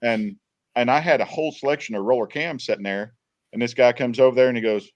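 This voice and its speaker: A man's voice: mid-range voice, fast talker, dry recording. Man telling rambling stories, dull sound. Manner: rambling, repeats words, retells dialogue. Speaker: podcast guest. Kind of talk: casual storytelling.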